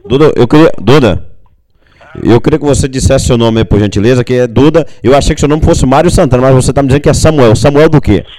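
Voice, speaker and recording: A male radio presenter with a dark, mellow tone. He speaks quickly and cuts in with questions. His voice sits in a middle pitch. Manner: brisk, interrupting with questions. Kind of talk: radio news interview.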